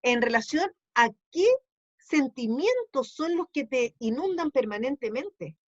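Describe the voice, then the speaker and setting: Teaching a class in a high, sing-song, unhurried voice, a woman explains things patiently and keeps asking "¿sí?" to make sure students follow. There's no echo, though the sound is lo-fi.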